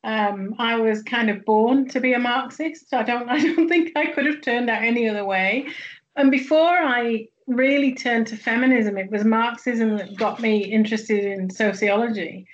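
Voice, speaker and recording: A woman's voice: on the high side, moderate pace, highs cut off. A woman from the northwest of England with a Northern English accent, speaking thoughtfully as a guest sociologist, with many fillers and restarts. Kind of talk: academic interview conversation.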